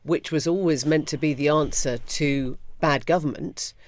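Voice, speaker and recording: A man's voice: fairly high pitch, normal speed, dry recording. A man hosting a podcast interview, putting pointed questions to his guest with a few stumbles.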